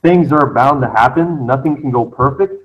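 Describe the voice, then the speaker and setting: A man's voice: mid-range voice, normal speed, highs cut off. A man, a cast member, answering questions in a casual online Q&A, rambling with many fillers.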